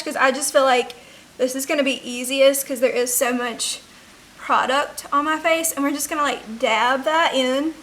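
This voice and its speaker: Casting: young adult woman, high-pitched and bright, for casual makeup tutorial talk. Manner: informal, frequent "like" as filler. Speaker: beauty vlogger. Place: indoors, rain audible outside.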